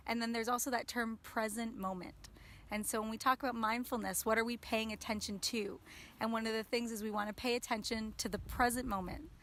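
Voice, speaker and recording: A woman who teaches mindfulness answers interview questions in a calm, explanatory way, often starting with "um" or "so". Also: a little high, brisk.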